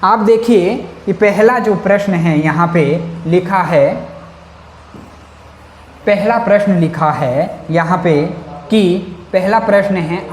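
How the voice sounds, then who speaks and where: Man, Sanskrit teacher, exam-prep lecture, repeats himself, roomy echo, faint hiss. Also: high voice. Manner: repeats points, says "jī hā̃" often. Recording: echoey room with faint noise.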